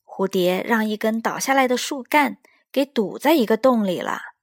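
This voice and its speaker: A woman reading a children's story aloud in a slow, gentle storyteller manner. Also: fairly high pitch, expressive, no echo, studio quality.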